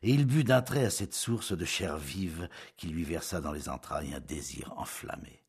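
A man reading a classic novel aloud as audiobook narration, in a measured, steady storytelling voice. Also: deep voice, husky. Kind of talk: scripted literary narration.

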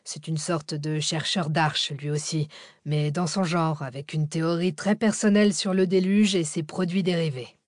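Calm, curt man, as a woman reads him. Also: deep voice, dry recording, studio quality, close to an everyday voice. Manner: curt, unhurried.

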